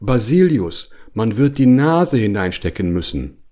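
A man's voice: lowish voice, big pitch swings, unhurried, warm tone, pitched above the performer's own voice. A man doing a fussy, vain bear. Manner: grumbling, fussy about his collar. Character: vain, lazy male collar bear, eager for honey. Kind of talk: storybook reading for children.

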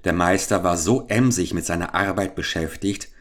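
A man reading a fairy tale aloud in a measured, expressive manner. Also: deep voice. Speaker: narrator. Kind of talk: storybook reading.

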